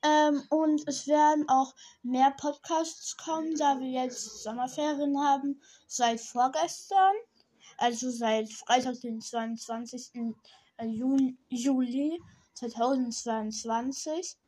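A woman's voice: sits high, slow, mellow. A young teenage girl hosting a casual solo podcast, rambling in slangy, self-correcting speech slightly slurred by her braces. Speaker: podcast host.

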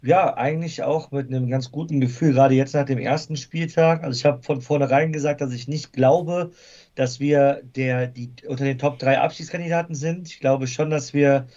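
A man's voice: fairly high pitch, steady tone, fairly quick, hardly any pauses, warm tone, muffled recording. A man talking football casually as a guest fan, thoughtful and hesitant with frequent fillers.

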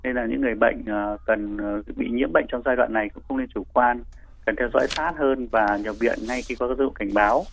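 A man giving hesitant explanations as a doctor being interviewed, pausing and repeating himself. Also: medium pitch, steady tone, vocal fry, slight background noise. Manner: hesitant, with frequent pauses and repeats. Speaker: doctor, infectious disease specialist guest.

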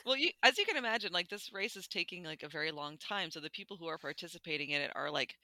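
A woman's voice: fairly low pitch, animated, quick pace, very noisy. A woman co-hosting a casual history podcast, reading notes in a chatty, playful way full of "like" fillers. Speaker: podcast co-host.

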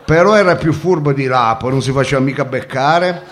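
A man's voice: medium pitch, brisk. A man hosting a live comic radio quiz in a showy game show manner, drawing out his announcements.

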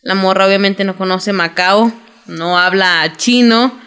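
A young adult woman with a Mexican Spanish accent, recapping a TV drama in casual, slangy, animated chat as a podcast co-host. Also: mid-range voice, unhurried, clean tone. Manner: slangy, animated storytelling with quoted voices.

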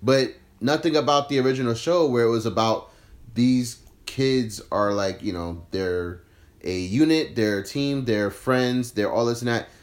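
A man's voice: mid-range voice, a little slow. A man in his thirties with a New York accent, hosting a casual podcast chat and acting out quotes in a raised voice. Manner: animated, acts out quotes in raised voice. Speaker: podcast host.

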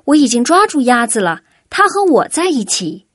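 An excitable, cheerful man traveler, as a woman reader puts him on, bursting out with loud, eager lines. His voice sits higher than the narration around him. It is a children's storybook reading in a dry room. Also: moderate pace, slightly rough, no room sound, exaggerated voice. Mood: excited.

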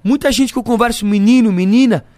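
This podcast guest is a young Brazilian man whose very high, darkish-toned voice moves at a quick pace with no echo. Laughing often, he tells frank stories in Brazilian Portuguese and fills them with slang.

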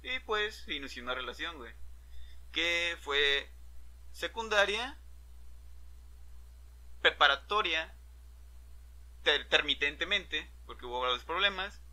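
Bright-voiced, profane Mexican young man. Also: fairly high pitch, lively intonation, slow, long pauses. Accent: Mexican Spanish. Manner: profane, slangy, tags nearly every phrase with a filler. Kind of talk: casual storytelling chat.

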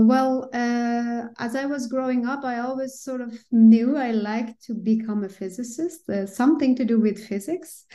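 Softly warm woman from Iran, many pauses. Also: a little high. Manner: hesitant, many fillers, laughs often. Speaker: podcast guest, physicist. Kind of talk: conversational interview.

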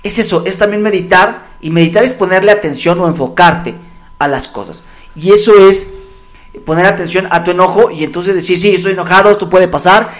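A man's voice: high-pitched, fairly quick, faint music behind. A middle-aged man, co-hosting a casual talk show and acting out his own inner thoughts as he reflects. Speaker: podcast co-host. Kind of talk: casual chat.

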